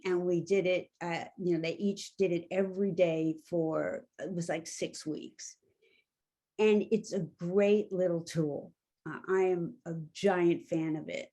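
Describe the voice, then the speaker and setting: A woman with a New York accent, coaching in a gentle, measured and inviting way as she leads an instructional session. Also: fairly low pitch. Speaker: coach leading a training session. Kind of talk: instructional talk and guided awareness exercise. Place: online video call.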